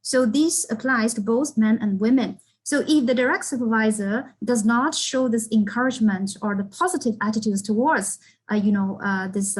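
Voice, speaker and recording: A woman's voice: a little high, husky, rough recording. A woman on an academic panel answering audience questions earnestly, with many fillers and restarts.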